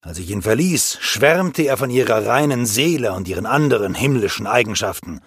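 A man voicing an agitated young law partner who speaks in a rushed, exasperated way. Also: medium pitch, lively intonation, husky, dry recording, clean studio sound. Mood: desperate.

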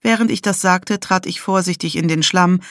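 A woman's voice: fairly low pitch, normal speed, dry recording, studio quality. Woman narrating a first-person audiobook.

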